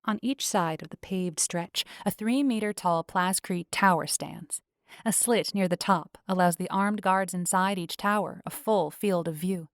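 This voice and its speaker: A woman narrates a first-person story evenly and clearly. Her voice is slightly low and recorded close on a studio mic, completely dry with no room sound. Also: measured pace, dry recording. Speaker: audiobook narrator.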